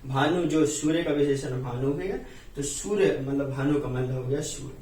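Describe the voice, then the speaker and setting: A man's voice: medium pitch, darkish tone. Hindi-accented man teaching in a roomy space. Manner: explains word by word, chants verses slowly. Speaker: Jain scripture teacher. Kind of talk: teaching Sanskrit hymn recitation and meaning. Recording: roomy echo, distant from mic.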